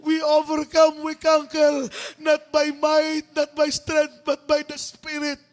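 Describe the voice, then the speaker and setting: A man with a Filipino accent preaching a fervent sermon, repeating refrains and rising to shouts. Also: extremely high pitch, completely flat delivery, slow.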